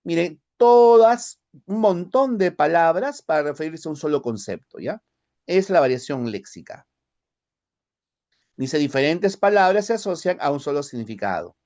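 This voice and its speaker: A man from the Peruvian highlands with a Lima accent, lecturing a language class and often checking in with short tag questions. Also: animated, normal speed, darkish tone. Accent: Lima Spanish. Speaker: language teacher.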